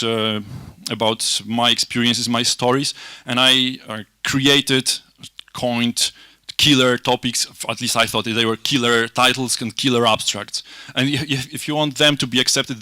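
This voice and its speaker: Male conference speaker, 30s. Forceful bright tone, halting delivery with restarts, informal motivational lightning talk, close dry handheld mic. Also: mid-range voice, dry recording. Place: auditorium stage in front of a screen. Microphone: handheld microphone held close to the mouth.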